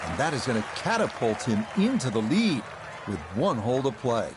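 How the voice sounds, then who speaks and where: Man acting as golf commentator, video game play-by-play, polished broadcast delivery, medium pitch, clear crowd and outdoor noise behind. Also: big pitch swings, moderate pace, close to an everyday voice. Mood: upbeat, measured. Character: male TV golf play-by-play announcer. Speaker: golf commentator, lead announcer.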